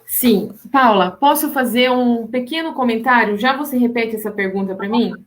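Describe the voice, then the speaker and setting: Therapist lady chatting on a live, animated, slightly high voice. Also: normal speed. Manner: animated, acts out imagined people's lines with pitch jumps. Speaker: hypnotherapist. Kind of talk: casual live-stream chat.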